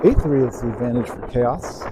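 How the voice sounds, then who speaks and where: A man doing play-by-play commentary at a youth softball game, calling plays and chatting casually between pitches. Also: lively intonation, brisk. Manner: upbeat, calls plays then chats casually with fillers. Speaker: play-by-play announcer. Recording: noisy outdoor field sound.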